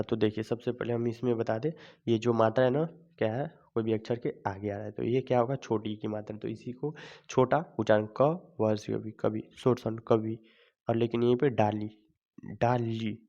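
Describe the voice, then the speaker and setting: A man's voice: medium pitch, warm tone, muffled recording. A man teaching a children's lesson on vowel signs, patiently spelling out each letter and repeating the words.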